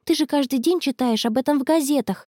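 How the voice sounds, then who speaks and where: A woman's voice: high voice, brisk, a little mellow, no echo, studio quality, voice pushed up, natural voice. A woman voicing a sensible, cautious young schoolgirl with an earnest, warning manner.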